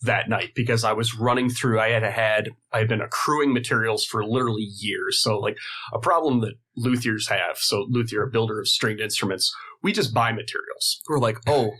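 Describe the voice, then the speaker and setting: A man in his thirties, a guitar builder, casually telling a story and acting out the people in it with lively voices. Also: on the low side, normal speed. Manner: animated storyteller who acts out quoted people. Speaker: guest luthier.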